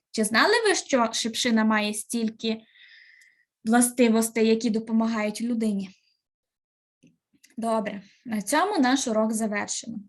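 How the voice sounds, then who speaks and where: A woman teacher, giving a recorded literature lesson with slow, clear instructions and pauses. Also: a little high.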